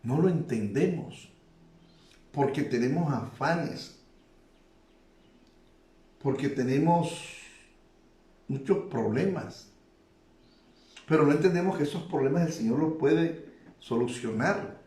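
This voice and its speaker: A man's voice: a little high, expressive, takes it slowly, long pauses, warm tone. Man preaching a sermon in an echoey room. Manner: preaching, repeats phrases for emphasis.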